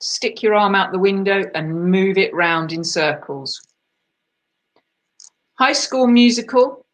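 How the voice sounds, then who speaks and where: A woman of middle pitch running an online quiz night, going through the answers one by one. She chats between them, pokes fun at herself and drifts off into asides. Her voice comes over a video-call microphone. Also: slow pace. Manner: chatty and self-deprecating, laughs at herself. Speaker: quiz host.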